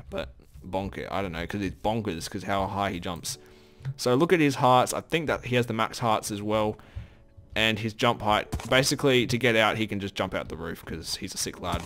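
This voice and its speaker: Hosting his own let's play, a man gives casual, chatty gameplay commentary, rambling and frequently correcting himself. His voice is lowish and a bit bright, with a little hiss or hum in the recording.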